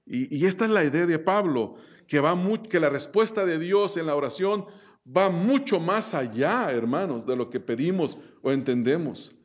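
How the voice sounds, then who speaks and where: Emphatic male preacher, fairly high voice. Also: animated, normal speed. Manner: emphatic, repetitive, rhetorical questions. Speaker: pastor. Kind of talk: sermon.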